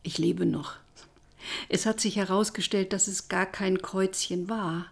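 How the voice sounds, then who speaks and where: Gravelly-voiced woman reading a story. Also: mid-range voice, fairly even intonation, unhurried. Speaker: narrator. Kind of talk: reading a first-person literary story aloud.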